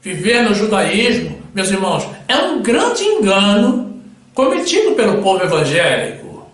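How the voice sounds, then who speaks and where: A man's voice: high-pitched, huge pitch swings, measured pace, fairly bright tone. A male preacher delivering a solemn sermon with Bible readings, addressing his listeners as brothers. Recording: very echoey room.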